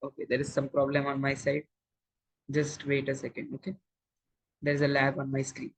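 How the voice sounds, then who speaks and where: A mid-pitched exam coach of unclear sex with an Indian accent, teaching interactively online, mixing English with Hindi, repeating phrases and often checking that students follow. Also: monotone, normal speed, husky. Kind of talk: interactive lecture, quizzing students. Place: live online class over video call.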